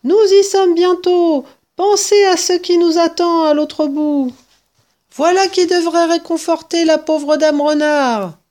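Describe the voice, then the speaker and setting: A woman's voice: fairly high pitch, lively intonation. A woman reading a storybook aloud, voicing a jolly, boastful male fox who rallies his family and sings little songs. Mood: rousing. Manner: shouting cheerfully, sings slow little songs.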